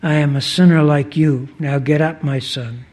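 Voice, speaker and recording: A man reading aloud the lines of a kindly, revered spiritual master who speaks gently but firmly. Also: fairly high pitch, steady tone, moderate pace, lightly acted. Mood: gentle. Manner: gentle, firm.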